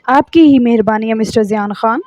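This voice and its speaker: A woman's voice: on the high side, darkish tone, no echo, dull audio, natural voice. A woman reading a novel aloud, voicing a tearful young woman who speaks with bitter sarcasm. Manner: sarcastic, accusing.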